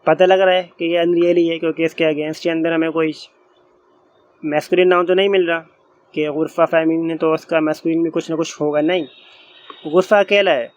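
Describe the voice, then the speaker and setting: A man teaching a grammar lesson, explaining patiently and repeating each point slowly as he writes on a board. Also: a little high, level tone, muffled recording. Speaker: Arabic teacher.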